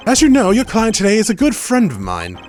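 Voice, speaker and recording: A man voicing a composed senior defence lawyer from a video game, measured, formal and dryly teasing. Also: high-pitched, huge pitch swings, a little mellow, soft background music, voice pushed up.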